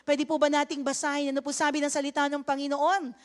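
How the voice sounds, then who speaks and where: A woman pastor with a Filipino accent delivering a sermon, mixing Tagalog and English, swinging from hushed storytelling to emphatic preaching. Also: high-pitched, little pitch movement, fast, big-room sound. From Philippines. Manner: switches between Tagalog and English, emotional storytelling. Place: church sanctuary.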